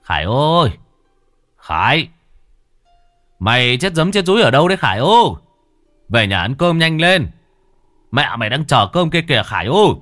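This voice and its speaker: A man voicing a gruff middle-aged fisherman father who shouts and scolds with coarse curses. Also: fairly low pitch, big pitch swings, normal speed, pauses often, no room sound, studio quality, faint music behind. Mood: shouting.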